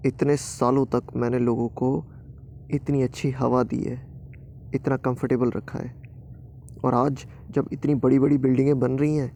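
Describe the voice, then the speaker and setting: A man's voice: mid-range voice, vocal fry, warm tone, slight background noise. A man narrating a children's bedtime story in a casual, conversational way. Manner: casual, conversational, mixing in English words.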